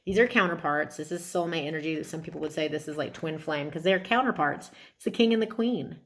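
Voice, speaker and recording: A woman's voice: sits low, a little fast. A woman giving a casual, intimate tarot reading to viewers in an informal, effusive way, with mild swearing. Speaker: tarot card reader.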